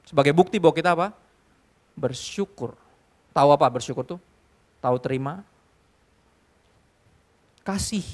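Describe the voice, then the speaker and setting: A male youth pastor preaching to a live audience in a church hall, lively and joking, often switching into English. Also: fairly high pitch, moderate pace, pauses often. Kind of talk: sermon.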